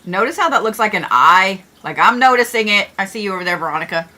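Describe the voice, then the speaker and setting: Bright-voiced chatty woman host. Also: mid-range voice, lively intonation, fast. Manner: chatty, joking, swears casually, talks to viewers. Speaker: astrology livestream host. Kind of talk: casual livestream chat.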